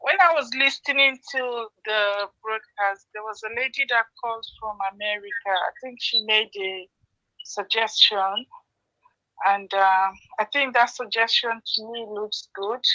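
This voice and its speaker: A woman calling in to a talk program over the phone, speaking in a measured, hesitant way with frequent fillers. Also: a little high, sharp tone, no echo. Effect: heard over a phone line. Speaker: phone-in caller. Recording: dull, lo-fi phone line.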